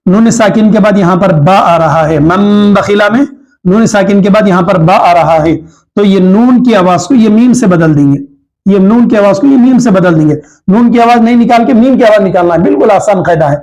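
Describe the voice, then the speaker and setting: High-voiced man teaching Quran recitation. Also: darkish tone, rough recording. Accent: Hyderabadi Urdu. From India. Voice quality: clears throat now and then. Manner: explains slowly, repeats each example, draws out recited words. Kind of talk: tajweed lesson.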